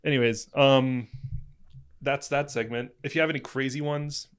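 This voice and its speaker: Young male podcast co-host, average pitch, casual and jokey, breaks into laughs and trails off. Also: steady tone, moderate pace, clear, resonant tone. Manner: jokey, laughs often, trails off mid-sentence.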